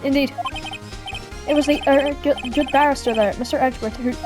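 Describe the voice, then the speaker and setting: A woman voices all the parts of a courtroom game on her own, breaking off for jokey asides and laughing at her own slips. Her voice sits high, with music running clearly under it. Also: darkish tone. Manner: jokey, stumbles and laughs at herself, does put-on voices. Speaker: fan dub reader voicing every character. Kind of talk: playful solo game dub with asides.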